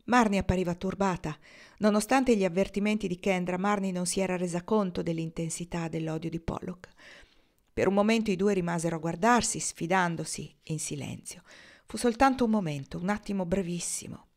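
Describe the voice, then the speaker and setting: A woman with a lowish voice narrates a historical novel in a measured, expressive way. She keeps a steady audiobook pace and shapes each scene with calm control. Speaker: audiobook reader. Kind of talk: novel read aloud.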